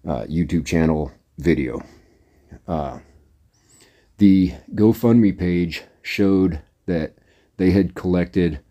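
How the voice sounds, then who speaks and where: A middle-aged man talks casually to his audience in a low, mellow voice. He rambles in a plain, down-to-earth way and fills the gaps with "uh" and "anyways." He sounds like a working trucker speaking off the cuff. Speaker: trucker vlogger. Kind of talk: casual monologue to camera.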